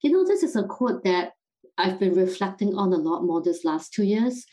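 A woman's voice: mid-range voice, animated, normal speed, warm tone, poor audio. A middle-aged woman from Singapore with a Singaporean-British accent, speaking thoughtfully as a guest in a podcast interview. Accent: Singaporean English with some British. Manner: thoughtful, self-reflective, laughs lightly. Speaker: guest, company founder.

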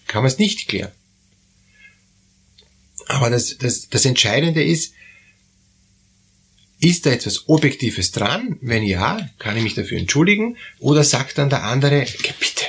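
A man with an Austrian German accent talks through a topic at an even, middling pitch. His voice is husky and a little breathy. He restarts phrases often and checks in with little questioning tags. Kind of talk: explanatory talk to camera.

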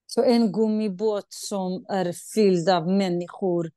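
A woman's voice: mid-range voice, fairly even intonation, mellow, dry recording, clean studio sound. A woman interviewing a guest, asking emotional, empathetic questions with frequent restarts. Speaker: host. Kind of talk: conversational interview.

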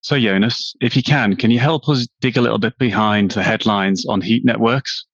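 A man's voice: fairly low pitch, moderate pace, no echo, lo-fi sound. A man hosting a podcast, reading a polished scripted introduction and then putting questions to his guest. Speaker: podcast host.

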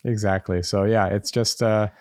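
Low-voiced American man giving practical advice. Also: steady tone, moderate pace, a little mellow, no room sound, studio quality. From United States. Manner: conversational, many fillers, practical advice. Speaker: medical school admissions advisor. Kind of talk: podcast interview answers.

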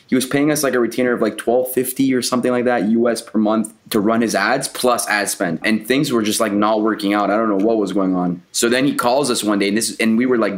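A man, a podcast co-host, telling a personal story in a rambling, profane, emotional way. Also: on the low side. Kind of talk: casual storytelling. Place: Montreal.

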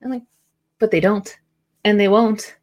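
A woman's voice: medium pitch, steady tone, a little slow, darkish tone. A woman hosting a podcast, talking in a conversational way and affirming her guest. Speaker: podcast host. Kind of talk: casual podcast interview.

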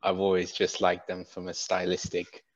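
A man from Wales with a British accent chats as a podcast guest in a casual conversational interview, hesitantly correcting himself as he goes. His low-pitched voice is monotone at a normal speed, and the recording sounds slightly dull and lo-fi.

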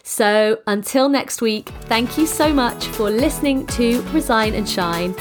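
A woman hosting a solo coaching podcast in an earnest, emphatic way, with a congested, slightly croaky, stuffy-nosed voice. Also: fairly high pitch, a little slow, music in the background. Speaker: podcast host and business coach.

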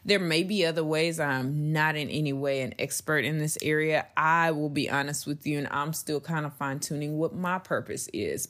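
Low-voiced lady podcaster talking faith stuff, earnest, kinda rambly. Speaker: podcast host. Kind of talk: faith-based podcast monologue.

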